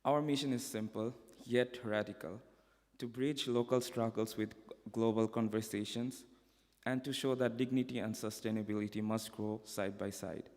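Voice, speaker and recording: A young man from Bangladesh giving a prepared personal testimony at a conference, in a measured, earnest delivery with occasional restarts. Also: on the low side, steady tone, a little mellow. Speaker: conference speaker. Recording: echoey hall reverb.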